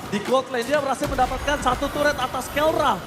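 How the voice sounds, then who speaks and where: High-pitched Indonesian male esports caster. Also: fairly even intonation, reverberant, over music, a crowd in the background. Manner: dramatic calls with drawn-out words and English gaming terms. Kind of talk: excited esports commentary.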